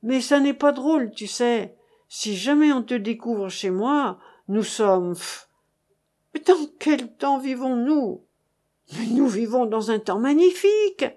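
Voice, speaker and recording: A woman voicing a pompous old man, a revolutionary judge who blusters loudly, then drops to anxious whispers. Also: very high voice, slow pace, pitched above the performer's own voice. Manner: bombastic, swinging between bluster and whispers.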